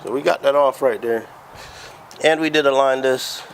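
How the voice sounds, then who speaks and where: Man, stuffed-up nose, sick, low-energy, slow and loose, casual car vlog host, faint background hum. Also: low-quality recording.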